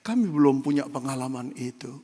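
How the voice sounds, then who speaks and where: A man's voice: medium pitch, animated, a little fast, mellow. A man, a pastor, preaching a sermon, telling a story and building to fervent exhortation. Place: church hall. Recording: long church reverb.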